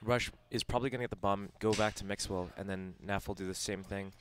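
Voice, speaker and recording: Lower-voiced man breaking down esports play. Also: steady tone, quick pace, slight background noise. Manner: teasing, explanatory. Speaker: esports analyst. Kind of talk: casual chat and game analysis.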